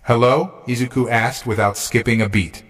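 A man narrating a fanfiction story aloud in steady storytelling. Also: medium pitch, normal speed.

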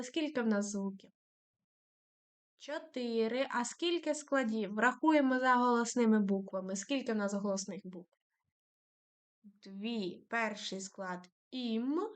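A woman teaching a primary school lesson to young children, dictating patiently and praising them often. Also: a little high.

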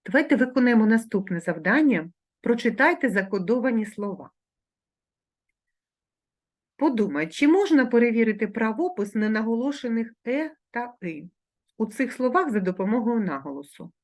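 A woman teacher with a Ukrainian accent giving a remote grammar lesson to schoolchildren, pronouncing sounds and example words slowly and carefully. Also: on the high side, very animated.

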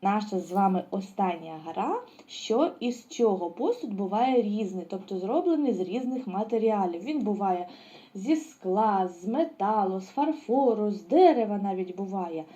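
A woman's voice: mid-range voice, expressive, moderate pace, mellow, lo-fi sound. A woman teaching a lesson to young children, asking questions and answering them herself with praise. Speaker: preschool teacher.

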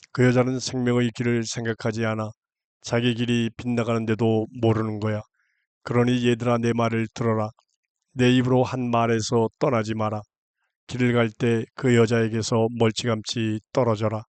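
A man calmly reading scripture aloud in an even, unhurried way, in a plain everyday speech register. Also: mid-range voice, clean tone, no echo. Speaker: Bible reader.

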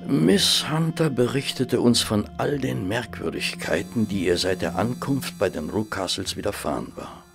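A man playing a courteous, cautious doctor who narrates and speaks in an audio drama in a measured way. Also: fairly low pitch, gravelly, faint music behind. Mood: measured narrating. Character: genteel, cautious male doctor, detective's companion and narrator.

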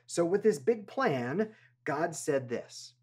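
A man teaching a Bible lesson for children, talking in an animated, playful way and acting out the story as he goes. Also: on the high side, takes it slowly, slightly rough.

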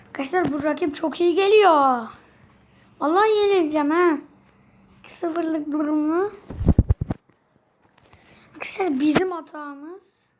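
Young woman with a Turkish accent, high voice, gaming commentary for her viewers, chatty and quick to get frustrated, noisy home recording. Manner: chatty, easily frustrated, addresses viewers constantly. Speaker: gaming channel host. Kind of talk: mobile game commentary.

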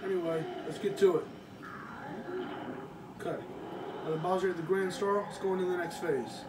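A man casually commenting while playing a video game at home, chatty and talking to himself, with excited outbursts. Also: sits high, normal speed, noisy background. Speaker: gameplay commentator. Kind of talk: casual let's-play commentary. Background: video game music.

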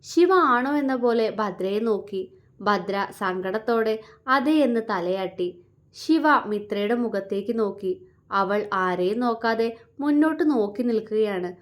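A woman storyteller reading a romance story in a steady, expressive way. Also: medium pitch, moderate pace.

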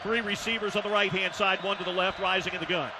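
A man calling a college football game play-by-play, with clipped calls that build into shouted touchdown calls. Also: high-pitched, steady tone, fast talker. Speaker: play-by-play announcer. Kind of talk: radio play-by-play commentary. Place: football stadium broadcast booth. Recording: loud stadium crowd and noise behind.

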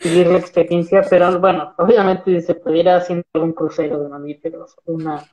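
A young man with a Mexican Spanish accent, a marine biologist guest chatting in a relaxed, rambling way with many fillers over a video call from a small room. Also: high voice, a little fast, lo-fi sound, a crowd in the background. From central Mexico. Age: young adult. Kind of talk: casual video-call interview chat. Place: small indoor room with plain wall. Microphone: laptop video call.

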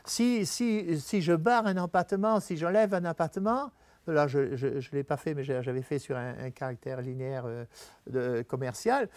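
A man's voice: on the high side, darkish tone, no echo. A man giving a talk on typography to an audience, explaining step by step and checking in with his listeners. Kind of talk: presentation to an audience. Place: venue talk before an audience.

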